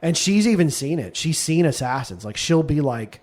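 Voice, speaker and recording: A man co-hosting a podcast, casually retelling a guest's story in an animated way. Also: fairly high pitch, normal speed. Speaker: podcast co-host. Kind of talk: casual chat.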